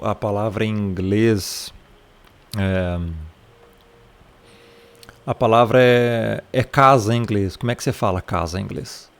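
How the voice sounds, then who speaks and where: A man's voice: on the low side, creaky. A man with a Brazilian Portuguese accent giving a casual Bible study lesson. He talks in a chatty way, keeps checking in with the listener and points things out in the text as he goes. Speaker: Bible teacher.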